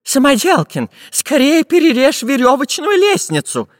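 A man's voice: very high-pitched, big pitch swings, moderate pace, fairly bright tone, no room sound, studio quality, long reverb tail, pitched above the performer's own voice, heavily acted. A man doing a fretful fussy professor. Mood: pleading. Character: fussy professor, anxious and pleading.

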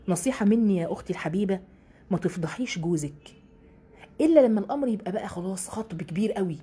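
A woman with an Egyptian accent teaching a casual Quran study lesson to women, talking in a chatty way full of rhetorical questions and slowing down to recite verses. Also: medium pitch, mellow, husky. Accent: Egyptian Arabic.

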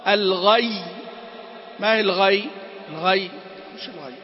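A man teaching a tajweed lesson. He chants sample words, corrects them with quick asides and quizzes his listeners with short questions. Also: high-pitched. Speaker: Quran recitation teacher. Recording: roomy reverb, dull lo-fi sound.

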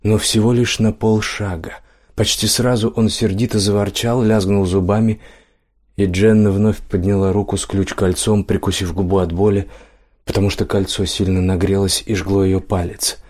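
A male narrator reads a fantasy audiobook in a steady, even storytelling voice. His voice sits on the low side for a man. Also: normal speed.

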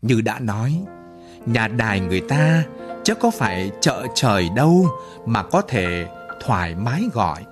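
Slow, lively male radio storyteller. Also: on the low side, over music. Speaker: narrator. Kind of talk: scripted narration of a late-night radio story.

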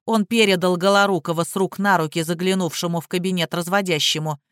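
A reader narrating a crime story in steady, even storytelling. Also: medium pitch, fast, smooth, no room sound, clean studio sound. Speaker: audiobook narrator. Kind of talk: scripted narration.

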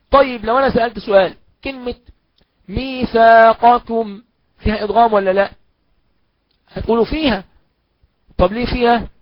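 A man with an Egyptian accent teaching a recorded Quran recitation lesson, explaining step by step, asking and answering his own questions and chanting the examples slowly. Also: high-pitched, dry recording, muffled recording. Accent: Egyptian Arabic.

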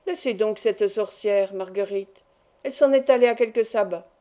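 A woman voicing a suave young nobleman who speaks softly and courteously, yet firmly. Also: medium pitch, normal speed, close to an everyday voice. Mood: curt. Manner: soft, courteous, commanding.

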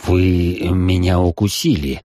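A cold, imperious man with a very low voice presses his questions slowly and curtly, voiced by a woman narrating a story. He sounds suspicious and commanding, each word clipped. The sound is dry and close. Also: warm tone, no echo. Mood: stern, probing. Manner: slow, clipped, interrogating. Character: stern, imperious male gem tycoon, cold and suspicious.

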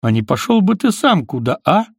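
A man's voice: high-pitched, very animated, moderate pace, husky, dry recording, clean studio sound, voice pushed up, full character voice. A man voicing a worn-out young male hero who sounds weary and snaps back in an audiobook. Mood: weary angry. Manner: weary, snapping.

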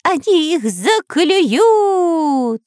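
Very high and sing-song, this exaggerated parrot voice comes from a woman pitching above her natural range in a storybook narration. She speaks very slowly and a bit mellowly as the cowardly, fawning male pet, squawky, stammering and eager to please, in a studio recording with no room sound.

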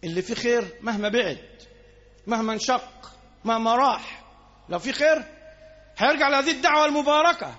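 A man with an Egyptian accent preaching a Friday sermon, dropping to low asides and then shouting out passages. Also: brisk, pauses often, highs cut off. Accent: Egyptian Arabic.

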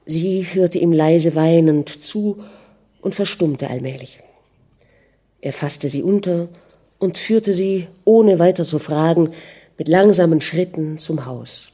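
A woman reading a novel aloud as an audiobook narrator, calm and measured. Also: on the low side, breathy edge.

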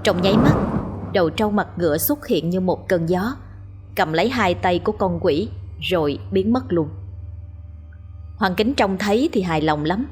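A woman's voice: fairly low pitch, lively intonation, normal speed, a little mellow, soft background music. A woman narrating a ghost story with dramatic storytelling.

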